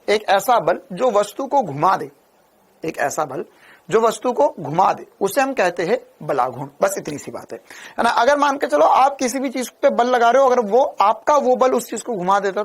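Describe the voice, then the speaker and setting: A man's voice: high voice, expressive, moderate pace. A young man teaching a physics class in a casual, chatty way, talking to students like friends. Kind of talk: casual Hindi lecture.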